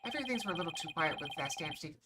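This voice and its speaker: A woman's voice: sits low, lively intonation, very fast, over loud music. A woman voicing a brave, blunt rebel father in a game dialogue read-through. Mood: defiant, determined. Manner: blunt, reassuring, informal.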